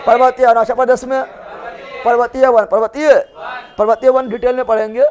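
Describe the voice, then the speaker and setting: A man teaches geography in a classroom, calling out questions and chanting the answers back. His voice sits very high, and a class of students can be heard faintly responding in the background. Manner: chanting call-and-response, repeats answers loudly, scolds playfully.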